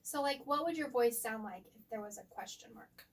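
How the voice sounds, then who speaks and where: A woman tutoring a student one-on-one in reading, asking patient guiding questions and explaining slowly, sometimes softly. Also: on the high side, lively intonation. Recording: voice picked up from a distance.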